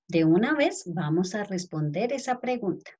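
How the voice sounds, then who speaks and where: A woman's voice: mid-range voice, big pitch swings, normal speed, warm tone, breathy edge, highs cut off. A woman teacher with a Colombian accent dictating a lesson to young children word by word, spelling out letters, and calling the pupils affectionately. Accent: Colombian Spanish. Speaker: primary school teacher.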